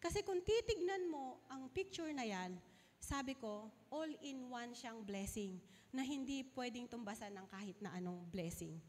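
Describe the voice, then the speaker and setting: High-voiced Filipina pastor preaching. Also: female voice, animated, measured pace, darkish tone. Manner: earnest, asks the congregation questions. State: recovering from a fever. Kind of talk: sermon. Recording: long hall reverb.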